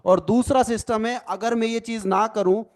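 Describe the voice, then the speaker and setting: A man's voice: high voice, fairly even intonation, darkish tone. A man leading an online training lecture, explaining patiently and often checking "right?" as he slips English phrases into his talk. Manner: explains slowly, mixes English phrases into Hindi, repeats "ठीक है ना?". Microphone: video call.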